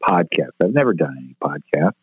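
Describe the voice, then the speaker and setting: A man's voice: rumbling low, very animated, brisk, breathy edge, no echo. Brash older man on a tinny line. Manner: brash, profane storyteller. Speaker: podcast guest, retired stage manager. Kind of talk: casual storytelling interview. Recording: tinny phone-like line, dry.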